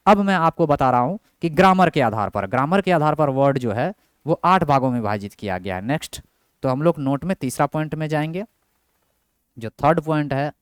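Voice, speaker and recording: A man's voice: on the high side, animated, fairly quick, clear, resonant tone, dry recording, clean studio sound. A young man teaching a grammar class, who keeps asking his own questions and answering them. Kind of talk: Hindi grammar lesson with English terms.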